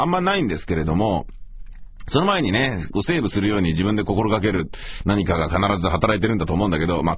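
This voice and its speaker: A middle-aged man with a hoarse, gravelly voice, rambling casually and self-deprecatingly as he hosts a solo radio talk. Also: fairly low pitch. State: morning hoarseness after heavy talking. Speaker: radio show host and voice performer. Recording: slightly dull, lo-fi audio.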